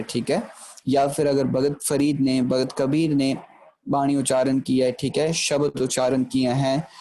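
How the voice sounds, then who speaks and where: A man teaches in a patient, explanatory way, sitting a bit high in his range. His tone is soft and mellow, and faint noise sits under it. He often pauses to check in with the listener and slows down to recite lines of verse. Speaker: Gurbani grammar teacher. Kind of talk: explanatory lecture.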